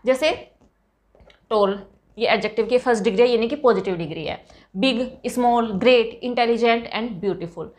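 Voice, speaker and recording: A woman teaches English grammar to her students. Her voice sits high. She is patient and stretches out each example word so learners can follow. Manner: patient, drawn-out model pronunciations.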